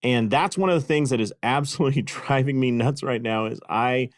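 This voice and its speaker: A man's voice: medium pitch, brisk, no room sound, studio quality. A middle-aged man hosting a podcast, telling a casual story with self-deprecating humor and frequent fillers. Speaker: podcast host and clinic consultant. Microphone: podcast microphone.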